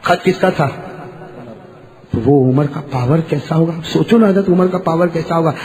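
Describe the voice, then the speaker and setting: A man preaching a sermon. He moves from low storytelling to loud, shouted peaks, calls on the crowd to answer, and chants verses slowly. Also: rough recording.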